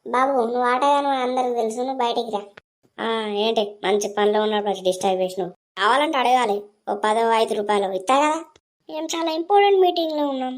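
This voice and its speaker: A woman's voice: fairly high pitch, quick pace. A woman acting in a comedy sketch with a brash, scolding delivery.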